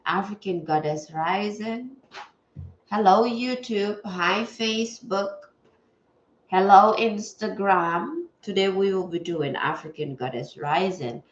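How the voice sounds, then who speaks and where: Speaking slowly at a medium pitch, a livestream host with a stuffy nose chats casually and greets her viewers from a home setup at a table. The recording has an echoey room sound and is dull and lo-fi.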